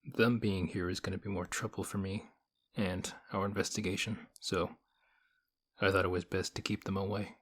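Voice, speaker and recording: Sitting low in pitch, he portrays a stoic young nerd for an intimate audio roleplay, quietly affectionate beneath a reserved surface. His phrases come out deadpan and measured, subdued and matter-of-fact in tone.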